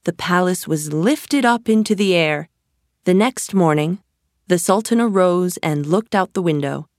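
A woman narrates a storybook at a very slow, measured pace in a somewhat low voice. Her delivery is clear and steady, and the recording is dry and close-miked. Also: dry recording. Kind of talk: storybook read-aloud.

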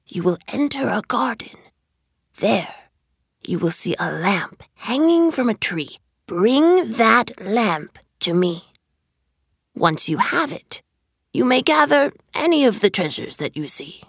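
A woman voicing a scheming, greedy male magician in a storybook reading, drawing out her words in a hushed, breathy, coaxing tone. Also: high voice, sing-song, dry recording, clean studio sound, voice pushed up, full character voice. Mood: sly coaxing. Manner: slow, drawn-out, honeyed coaxing. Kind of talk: storybook read-aloud.

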